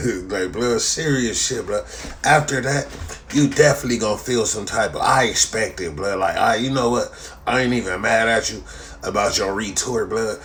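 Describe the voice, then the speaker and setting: A man's voice: lowish voice, fairly bright tone, a little hiss or hum. A man hosting a live stream, ranting casually to viewers with heavy swearing and a slang tag repeated at the end of his lines. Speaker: live-stream host reading chat comments. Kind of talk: casual profane rant to viewers.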